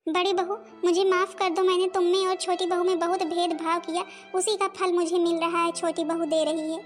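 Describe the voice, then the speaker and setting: Bossy older mother-in-law, voiced by a woman, high-pitched, scolds and complains. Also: level tone, moderate pace, faint music behind. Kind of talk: cartoon voice acting.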